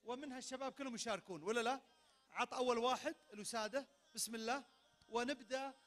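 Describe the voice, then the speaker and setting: A man's voice: very high voice, quick pace. A man with a Saudi accent hosting a crowd party game in a big event tent, talking into a handheld mic and barking sudden commands. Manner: energetic, barks sudden commands. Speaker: game host at a public event. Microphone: handheld microphone.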